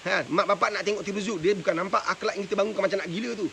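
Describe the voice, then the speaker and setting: Speaking very fast in a high, pushed, bright voice with vocal fry and fairly even intonation, this man teaches religion at a madrasah and offers parenting advice on a live stream. His mic carries a little hiss or hum, and he preaches while constantly asking if his audience understands.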